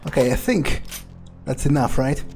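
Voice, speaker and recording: A gamer improvises in character as a cocky, callous male vampire during a playthrough, drawling with scorn in a musing, heartless mood. His medium-pitched voice is creaky and darkish, close to his everyday voice, moving at normal speed over faint background music.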